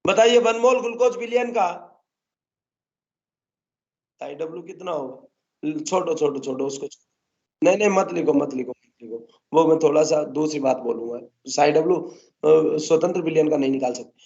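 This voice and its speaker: A man's voice: on the high side, moderate pace, gravelly, a little mellow, lo-fi sound. A male botany teacher lecturing a class, constantly coaxing the students to answer his questions.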